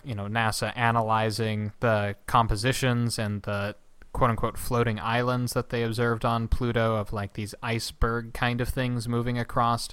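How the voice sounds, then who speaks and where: A man's voice: lowish voice, a bit bright, smooth, no room sound. A man co-hosting a casual podcast, explaining astronomy in a chatty, rambling way with asides. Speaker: podcast co-host. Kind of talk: casual chat.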